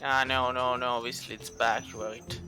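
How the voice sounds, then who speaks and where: Over game music, a male gaming streamer gives playful let's-play commentary and reads his character's lines theatrically. His medium-pitched voice is bright and forceful yet flat in delivery, and he takes his time.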